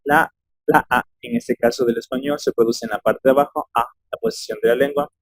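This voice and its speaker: A man's voice: medium pitch, steady tone, no echo. Spanish-speaking man teaching sounds. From Ecuador. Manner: explains slowly, models sounds aloud one by one. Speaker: English teacher. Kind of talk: phonetics lesson.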